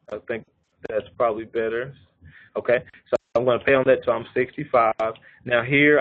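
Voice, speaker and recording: Heard over a phone line with no echo, a medium-pitched man in his thirties walks through life insurance on a live conference call. The audio is narrow, and he takes things one step at a time, frequently saying "okay" to check in.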